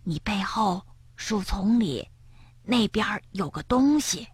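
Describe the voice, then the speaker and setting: A woman voicing a timid young male frog who often speaks in a hushed, whispering way in a children's storybook. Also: sits high, fairly quick, no echo, studio quality, pitched above the performer's own voice. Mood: fearful.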